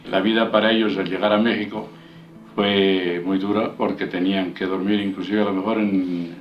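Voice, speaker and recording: An older man from Spain telling his story as an interviewee, halting and repeating words. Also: deep voice, flat delivery, dull audio, soft background music. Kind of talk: personal recollection. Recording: roomy, from a distance.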